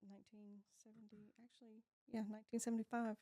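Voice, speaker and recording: A Texas shop owner in her 50s chats as a guest in a casual interview, laughing often and trailing off mid-sentence. Her fairly high, mellow voice moves little in pitch and comes fast, with no room sound.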